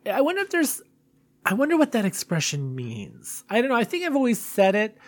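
A man's voice: high voice, wildly swooping pitch, fairly quick, dry recording. A man hosting a solo podcast in a casual, confessional way, rambling and self-deprecating. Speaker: podcast host.

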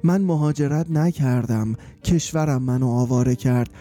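A man's voice: medium pitch, dark tone, faint music behind, lightly acted. A man quoting a blunt, wry Iraqi woman. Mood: rueful. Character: frank, wry Iraqi woman around forty.

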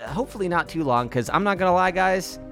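A man's voice: high-pitched, animated, fast, creaky, music in the background. A man hosting a podcast in loose, rambling chat, laughing often. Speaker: podcast host. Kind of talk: casual chat.

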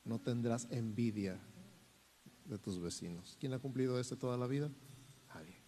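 A man's voice: medium pitch, normal speed, mellow. A male Mexican pastor preaching a sermon and leading a fervent repeat-after-me prayer. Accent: Mexican Spanish. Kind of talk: sermon with altar call prayer. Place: church sanctuary. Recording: long church reverb with music.

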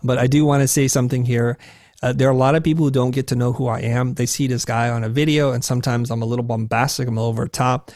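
A man being interviewed as a guest, telling stories from his career in an animated way. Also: mid-range voice, fast, dry recording, studio quality. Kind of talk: interview conversation.

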